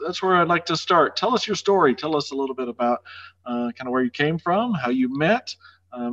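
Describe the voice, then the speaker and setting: A man interviewing a couple, friendly and relaxed as he prompts them. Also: mid-range voice. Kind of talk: interview questions. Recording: dull lo-fi sound.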